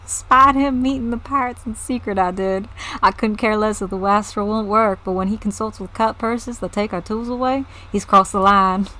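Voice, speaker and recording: A woman voicing a gruff, blustery older male farm leader in a game. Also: medium pitch, fairly even intonation, slow pace, hardly any pauses, dark tone, close to an everyday voice, low-quality recording. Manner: blustery, old-fashioned insults.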